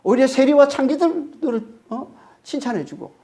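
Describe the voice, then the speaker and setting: A woman's voice: high-pitched, expressive, normal speed, mellow. A woman pastor preaching a sermon, emphatic, and she keeps prodding her listeners with questioning tags. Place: church sanctuary.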